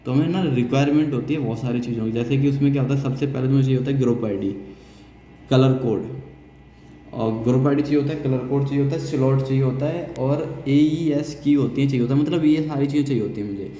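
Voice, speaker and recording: Speaking quickly in a mellow, mid-range voice, this Indian man teaches a practical software lesson, going one step at a time and repeating important phrases. He is a technical instructor, heard from a distance in a noisy room full of echo.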